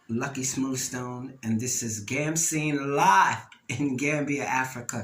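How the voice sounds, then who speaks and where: Passionate American man, roomy echo. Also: medium pitch. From Delaware, USA. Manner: emphatic, preacher-like delivery with rises and repeats. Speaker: host. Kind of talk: passionate monologue. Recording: roomy echo, faint ambient noise.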